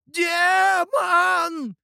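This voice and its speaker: Brief: a male reader plays a shrill, crafty old man who screeches accusations in an audio story. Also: sing-song, slow pace, vocal fry, bright, forceful tone, no room sound, clean studio sound, full character voice. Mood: shrieking.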